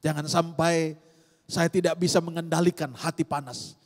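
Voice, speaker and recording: A man's voice: level tone, moderate pace. Man preaching in a reverberant hall. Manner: swings between loud high exclamations and soft low murmurs; keeps addressing the congregation as "saudara". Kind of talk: sermon. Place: church hall. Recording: long reverb of a large hall.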